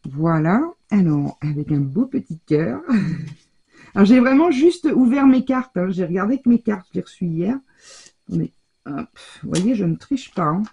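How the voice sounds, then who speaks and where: A woman's voice: on the low side, very animated, measured pace, creaky, dark tone, slightly rough, muffled recording. A woman hosting a craft channel, chatting as she opens her mail at home and gushing over each card between lots of little fillers. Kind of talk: casual chat opening mail. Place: home craft room, shutter half closed. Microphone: overhead table camera.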